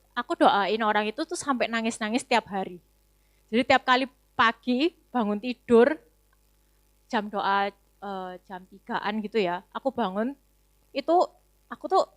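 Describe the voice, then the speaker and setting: Young woman, youth speaker, casual sermon testimony, higher voice, dry close sound. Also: a bit bright, dry recording. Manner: chatty, casual, many fillers and tag words.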